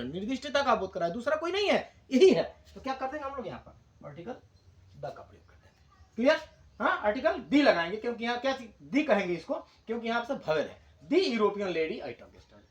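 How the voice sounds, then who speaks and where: A man teaching English grammar, explaining slowly in Hindi and repeating key words for his class. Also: high-pitched, roomy sound.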